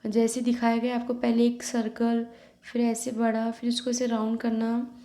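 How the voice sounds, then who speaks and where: A woman's voice: a little high, completely flat delivery, dark tone. A woman teaching a class of young children, drawing out each sound for pupils to repeat and mixing English phrases into her Hindi. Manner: slow, drawn-out repetition for pupils to echo. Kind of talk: online lesson for young children. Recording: echoey room.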